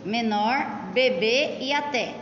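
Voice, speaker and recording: A woman teacher with a Brazilian Portuguese accent walks her students through an exercise patiently, one step at a time. Her voice sits somewhat high. It rings around an echoey classroom with a long tail of reverb, over a faint hiss. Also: slow, fairly bright tone. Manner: patient, explains step by step with frequent tag questions. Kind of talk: classroom explanation. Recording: echoey, dull lo-fi room recording.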